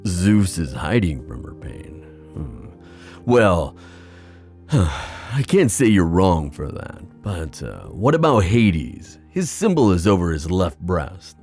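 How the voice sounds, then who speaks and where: In an ASMR fantasy roleplay, a man with a deep, darkish voice plays a wistful, theatrical sea god. He muses with hesitant pauses and drawn-out phrasing, and the performance is heavily acted.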